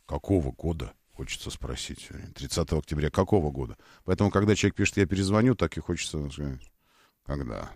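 A man's voice: extremely low pitch, animated, fast, darkish tone, no echo, studio quality. A man hosting a casual radio talk show, joking and ironic as he chats with his co-host. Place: radio studio.

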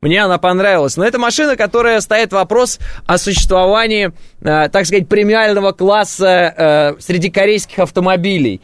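A man's voice: high-pitched, a little fast, smooth, no room sound, studio quality. A man hosting a radio call-in show, chatting in a joking, self-ironic way with many fillers. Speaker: radio host. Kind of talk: casual radio talk with callers.

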